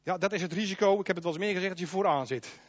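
A man preaching a sermon in a church, emphatic and animated, speaking straight to his congregation. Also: high voice, very fast, no echo, muffled recording. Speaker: pastor.

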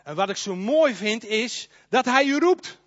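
High, lively Dutch-language preacher. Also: male voice, measured pace, dry recording, highs cut off. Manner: animated, emphatic, addresses the congregation directly. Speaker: pastor. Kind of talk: sermon.

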